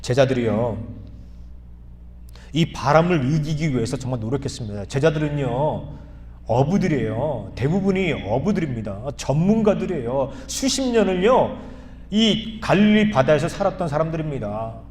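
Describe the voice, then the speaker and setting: High-voiced man preaching in a reverberant hall. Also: big pitch swings, normal speed. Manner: earnest, repeats phrases for emphasis, rises to loud pleading. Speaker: pastor. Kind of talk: sermon. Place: church sanctuary.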